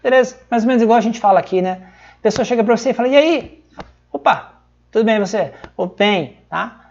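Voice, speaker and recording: A woman's voice: a little high, brisk, a little mellow. A woman with a Brazilian accent giving a casual English lesson, chatty and full of little check-in words. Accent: Brazilian Portuguese. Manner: chatty, fills lines with "tá?" and "ó". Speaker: English teacher. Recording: slightly dull lo-fi sound.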